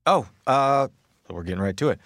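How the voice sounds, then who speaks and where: An actor from the United States playing an easygoing, awkward young American commoner who stammers and hesitates. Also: male voice, mid-range voice, animated, normal speed, fairly bright tone, dry recording, studio quality. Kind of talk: audio drama acting.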